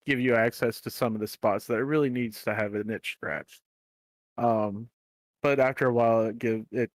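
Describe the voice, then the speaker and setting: A man narrating a tabletop game as game master, describing scenes in a relaxed way with many fillers. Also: mid-range voice, no echo.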